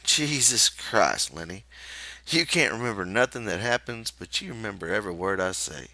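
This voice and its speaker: Guy doing a tired gruff american ranch hand, curt, kinda wooden, dry close sound. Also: lowish voice, moderate pace, no room sound, voice pushed up, full character voice, poor audio. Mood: exasperated. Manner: flat, wooden, quiet.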